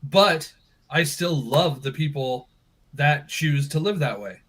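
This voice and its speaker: A man's voice: on the high side, slow pace, crowd noise. A man in casual conversation, earnest and hesitant, restarting as he explains his views. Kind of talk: casual chat.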